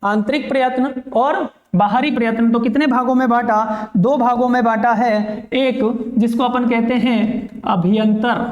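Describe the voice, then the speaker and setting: High-voiced man teaching in an echoey room. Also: fairly even intonation, muffled recording. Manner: repeats questions to students and answers them himself; recites letters slowly one by one. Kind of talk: classroom grammar lesson.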